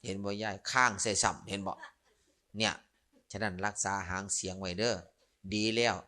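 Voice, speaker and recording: A man preaching as a Buddhist monk, his Isan accent running through a lighthearted Dharma talk. He tells stories and jokes and teases the people listening. His voice is bright and forceful, carrying each punchline. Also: fairly low pitch, fairly even intonation, moderate pace. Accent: Northeastern Thai (Isan). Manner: joking, storytelling, playful asides to the audience. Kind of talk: humorous Dharma sermon.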